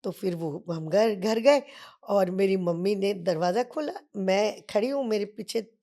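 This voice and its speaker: An older woman from Bengal, a dancer guest on a podcast, telling lively anecdotes in conversation and acting out other people's voices, with English phrases mixed in. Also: mid-range voice, unhurried. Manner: mixes English phrases into her speech. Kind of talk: storytelling interview.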